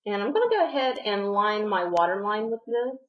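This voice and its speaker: A woman's voice: mid-range voice, very animated, brisk, muffled recording. A woman beauty vlogger narrating a makeup tutorial, giving friendly step-by-step instructions while slightly losing her voice.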